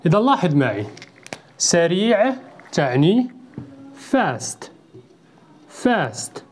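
Teacher doing a grammar lesson, super slow and careful, says every word twice, voice bounces up and down a lot. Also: mid-range voice, darkish tone. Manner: slow, deliberate, repeats each word for drilling. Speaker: English teacher.

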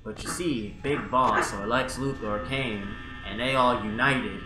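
A man's voice: mid-range voice, measured pace. A man in his twenties giving casual commentary as co-host of a gaming video. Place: indoor room. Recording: echoey room with game audio behind. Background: horror game music and sounds.

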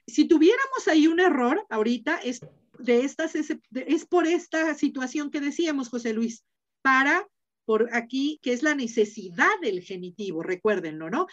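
A middle-aged Mexican woman lectures on Latin grammar to her students over a video call, her voice sitting a little high. She talks in a chatty, rambling way, asking questions and filling pauses. The audio sounds dull and lo-fi. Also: lively intonation. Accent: Mexican Spanish. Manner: chatty, asks students questions, many fillers. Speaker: Latin teacher. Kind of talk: online class lecture.

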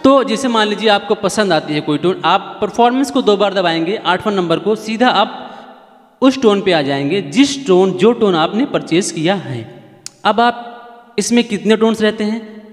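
A man's voice: sits high, lively intonation, normal speed, big-room sound, faint music behind. A man hosting a casual how-to keyboard tutorial, chatty and repetitive, often asking viewers to keep watching. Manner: chatty, repeats points, pleads with viewers.

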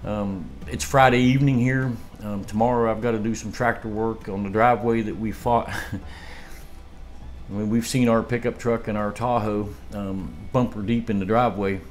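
At home in his dining room, a man in his fifties who runs a homesteading vlog rambles through stories in a relaxed chat, breaking into laughter and starting sentences over. The camera faces him from across the table. He speaks at a fairly low pitch with a steady tone and normal speed.

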